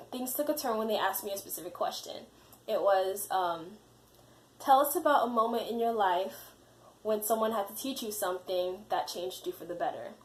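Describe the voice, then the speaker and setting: A young adult woman vlogger tells a personal story to camera in a casual, chatty way, leaning heavily on fillers like "you know" and "like." Her voice sits fairly low in pitch, and the recording is rough.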